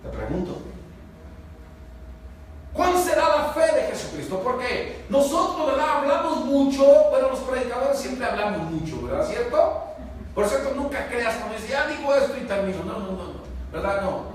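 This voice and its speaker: A man, a pastor preaching a sermon emphatically, swinging between loud rises and low hushed lines, often asking the congregation for agreement. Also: big pitch swings, normal speed, a little hiss or hum. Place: church hall. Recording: echoey church from far off.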